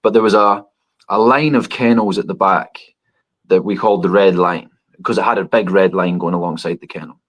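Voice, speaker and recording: A man's voice: low voice, steady tone, brisk, a bit bright. A man in his thirties, a dog trainer guesting on a podcast, answering thoughtfully with frequent restarts. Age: 30s. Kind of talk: conversational podcast interview.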